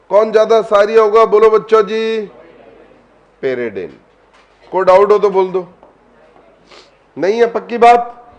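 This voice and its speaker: In lo-fi sound, a high-voiced male teacher runs a live online lesson, repeatedly quizzing his students and coaxing them with fond words.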